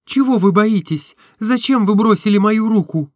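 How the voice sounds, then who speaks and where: A man's voice: sits high, normal speed, dry recording, studio quality, pitched above the performer's own voice, lightly acted. A man voicing an impulsive, lovestruck young woman in a storybook reading, with breathless, emotional exclamations. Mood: eager. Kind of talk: audiobook reading.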